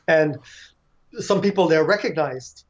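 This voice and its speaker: A man telling a long story in conversation, loose and relaxed, with frequent fillers and restarts. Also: a little high, a little slow, dull audio. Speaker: author and devotee.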